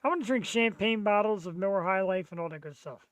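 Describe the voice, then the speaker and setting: A man, chatting casually as a podcast host in an excitable, slangy, rambling way. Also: high-pitched, fast talker, no echo. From Philadelphia, USA. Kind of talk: casual live podcast chat.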